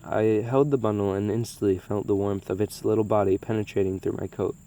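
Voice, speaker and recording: A man reading a novel aloud in a steady way, with small slips and restarts. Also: lowish voice, fairly quick, a little hiss or hum. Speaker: audiobook reader.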